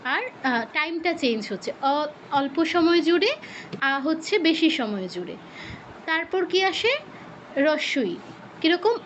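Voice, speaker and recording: A woman teaching pronunciation in an online class, demonstrating each sound slowly, syllable by syllable, over a video call. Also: sits high, expressive, a bit bright, a little hiss or hum. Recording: dull lo-fi video call audio.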